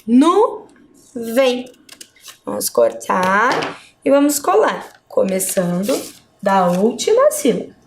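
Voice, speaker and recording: A woman's voice: medium pitch, big pitch swings, slow pace, slight background noise. A woman primary school teacher with a Brazilian Portuguese accent, giving a video lesson to children, patiently breaking words into syllables and checking in often.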